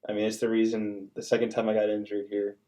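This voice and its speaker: A young college student-athlete talks earnestly in a casual podcast chat, his speech full of fillers. His voice is on the low side and dark in tone, monotone and fast.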